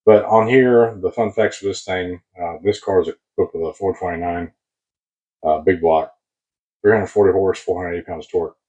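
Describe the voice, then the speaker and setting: An American man rambling casually as he hosts a hobby unboxing video, husky, on a close mic that sounds boomy and muffled, like inside a submarine. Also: fairly even intonation, normal speed, a little mellow. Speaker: host of a diecast car collecting channel. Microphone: new mic placed very close.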